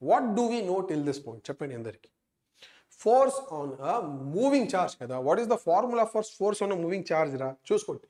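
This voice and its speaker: Telugu accent guy teaching class, talks fast, very up and down, repeats stuff for emphasis, keeps asking questions. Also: high voice, sing-song, darkish tone. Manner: emphatic, repeats key phrases, asks rhetorical questions. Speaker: physics teacher. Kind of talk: exam-prep physics lesson, mixing English with Telugu.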